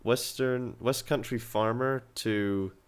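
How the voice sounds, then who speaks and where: A man's voice: medium pitch, steady tone, slow, clear, resonant tone. A young man giving casual, chatty commentary while playing a game, thinking aloud and swearing casually. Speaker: gaming video host.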